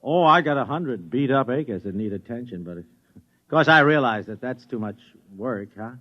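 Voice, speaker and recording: A man playing a flustered, excitable husband, swooping pitch. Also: normal speed, lightly acted. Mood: hesitant protest. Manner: stammering, blustery, chuckling. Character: flustered, excitable, wavering husband and eager tinkerer. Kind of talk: 1950s radio drama acting. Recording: muffled vintage radio recording.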